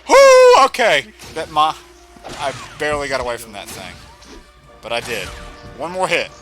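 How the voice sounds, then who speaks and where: A man's voice: mid-range voice, very animated, normal speed. A man giving casual, reactive live commentary as he plays a video game, often exclaiming. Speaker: gamer doing a live playthrough. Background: video game music and sound.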